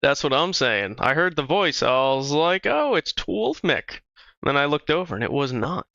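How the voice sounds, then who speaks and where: A man's voice: medium pitch, lively intonation, normal speed, pushed and bright, clear, resonant tone, no room sound. A man livestreaming a game, chatting casually with viewers in a loose, profane way. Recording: slightly dull stream audio with music.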